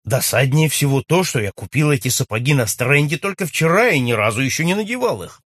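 A hearty young baronet back from abroad, as a man puts him on, pitched up above the reader's own voice and spoken loudly. He is forthright and exclaiming, in a husky, lively voice. The recording is dry and close, as in a spoken storybook. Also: a little fast, dry recording.

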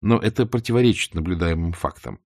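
Deep-voiced guy reading an audiobook, measured and dry, close dead-quiet sound. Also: animated, no room sound. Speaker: audiobook narrator. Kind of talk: scripted narration.

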